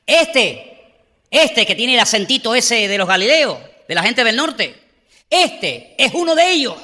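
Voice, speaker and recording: A shrill, insistent young servant girl who points the finger and will not back down, as a male preacher puts her on mid-sermon. The voice is pitched far above his own and sounds sharp and bright. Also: very animated, a little slow, exaggerated voice. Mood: accusing. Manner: loud, pointed accusing tone.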